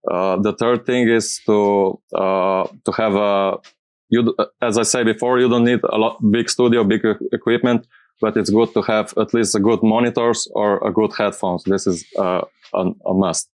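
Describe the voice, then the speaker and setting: Deep-voiced man, non-native English, even tone. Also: moderate pace, dry recording. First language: not English. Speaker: music producer being interviewed. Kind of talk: casual interview answers.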